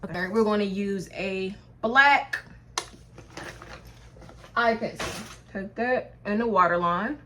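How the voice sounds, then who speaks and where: A woman's voice: medium pitch, a bit bright, a little hiss or hum. A young woman beauty vlogger chatting casually through a makeup tutorial, talking straight to her viewers. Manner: chatty, addresses viewers as y'all, drawn-out pace.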